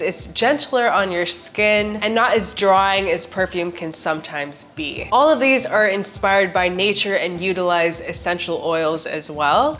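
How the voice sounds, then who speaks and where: A woman's voice: medium pitch, fairly bright tone, slight background noise. A woman with a congested, sick-sounding voice giving a chatty perfume review on her channel, often saying "like". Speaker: fragrance reviewer. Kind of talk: casual product review.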